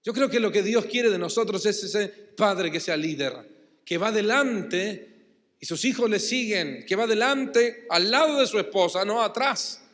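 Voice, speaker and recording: A pastor from Argentina with a Rioplatense Spanish accent, preaching emphatically and having the congregation repeat and answer. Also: male voice, high voice, expressive, measured pace, fairly bright tone. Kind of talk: sermon. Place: church hall. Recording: long church-hall reverb.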